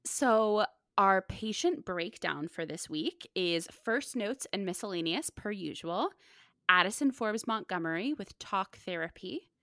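A woman hosting a casual podcast, upbeat and lively. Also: medium pitch, measured pace, no echo, studio quality. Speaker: podcast host.

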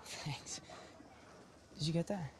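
A man's voice: fairly high pitch, slow, noisy background. A young man playing a nervous, polite teenage boy, hesitant and stammering, in a film. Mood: anxious. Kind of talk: naturalistic film acting. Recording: film audio with music behind.

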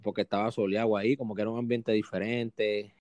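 A man's voice: on the low side, quick pace, dry recording. Puerto Rican man, dry close voice. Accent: Puerto Rican Spanish. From Puerto Rico. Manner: animated, acts out quotes with restarts. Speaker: guest, basketball player. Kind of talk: casual interview storytelling.

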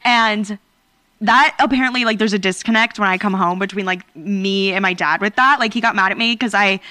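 In her home basement, a young podcast co-host tells a story in a brisk, bright, forceful mid-range voice. Her casual chat is packed with fillers, and the clip has no room sound.

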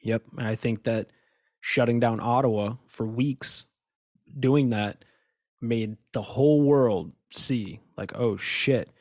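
A man's voice: mid-range voice, takes it slowly, a little mellow, no echo, studio quality. A man co-hosting a casual podcast, talking in a rambling, emphatic way with lots of restarts and asides. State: has the hiccups. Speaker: podcast co-host. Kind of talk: casual conspiracy chat.

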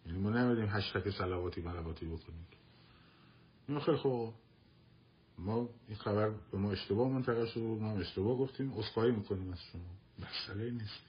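A man's voice: lowish voice, lo-fi sound. A man hosting a live talk stream, answering listeners in a casual, argumentative way and repeating points for emphasis. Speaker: livestream host.

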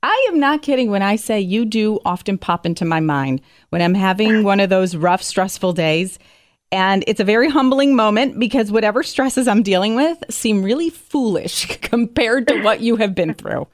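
Lively upbeat host woman. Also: mid-range voice, normal speed, dry recording, studio quality. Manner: enthusiastic, upbeat introductions. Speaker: podcast host. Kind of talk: casual interview chat.

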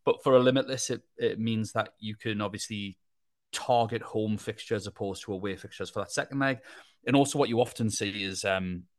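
A man co-hosting a fantasy football podcast, giving casual advice in a measured, explanatory way. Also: on the low side. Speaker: co-host and panellist.

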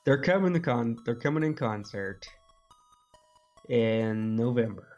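An easygoing man co-hosting a casual podcast, rambling on at a relaxed clip. His voice has an ordinary middle pitch, with faint music in the background. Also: measured pace, lo-fi sound. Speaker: podcast co-host.

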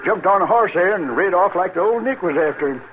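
An actor playing a flustered old sheep farmer in a radio western, with a folksy, rambling rural Western American drawl. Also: male voice, high-pitched, expressive, quick pace, a bit bright. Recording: dull, noisy old radio recording.

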